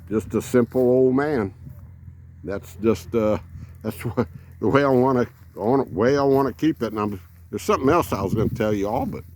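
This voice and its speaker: A man, telling rambling folksy stories as an RV vlogger. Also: lowish voice. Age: 70s. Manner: rambling, folksy, many fillers. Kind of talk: casual storytelling.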